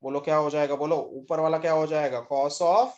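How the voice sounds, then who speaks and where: A man's voice: fairly high pitch, steady tone, moderate pace, a little mellow, dull audio. A man teaching a math class, quizzing his students again and again with short questions and mixing phrases into his talk. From India. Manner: drills students with repeated questions, mixing English into Hindi. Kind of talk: classroom lecture.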